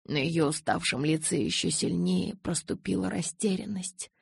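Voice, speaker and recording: Woman reading an audiobook, lowish breathy voice, dry close sound. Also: normal speed, no room sound. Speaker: audiobook narrator. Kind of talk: first-person audiobook narration.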